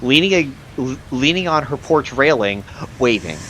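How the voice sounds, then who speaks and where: A man running a tabletop game as game master, improvising narration and pausing to search for words. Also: medium pitch, lively intonation, a bit bright, poor audio. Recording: clear background noise.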